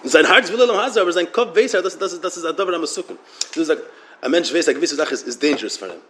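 Fast, halting man. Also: fairly high pitch, lively intonation, fairly bright tone, slight background noise. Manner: halting, repeats words and restarts. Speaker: religious teacher. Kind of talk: Torah lecture.

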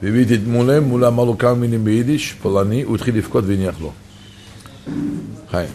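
A man's voice: medium pitch, dark tone. A man telling a personal story in an earnest, emotive way.

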